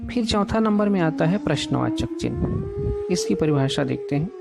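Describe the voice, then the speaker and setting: A man teaching a grammar lesson to schoolchildren, explaining each definition slowly and patiently. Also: high voice, wildly swooping pitch, vocal fry. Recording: loud flute music behind voice.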